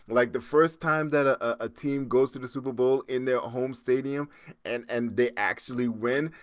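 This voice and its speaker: A man in his fifties hosting a casual solo podcast, rambling and chatty, with asides and quick laughs. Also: on the low side, no echo, clean studio sound. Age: 50s. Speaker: podcast host.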